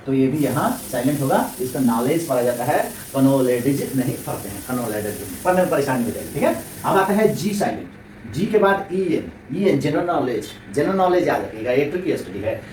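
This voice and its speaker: A man's voice: a little high, a little mellow. A man explaining an English lesson, asking and answering his own questions and repeating each point. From India. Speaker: English teacher. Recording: roomy echo, distant mic, faint noise.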